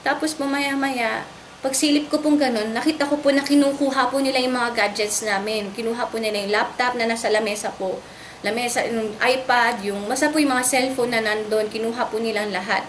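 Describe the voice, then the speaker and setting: High-voiced young woman, earnest testimony. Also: fairly even intonation, a little fast. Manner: earnest and polite, re-enacting her own frightened shouts. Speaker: interviewee recounting a raid on her home. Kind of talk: emotional first-person testimony. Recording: roomy echo with faint background noise.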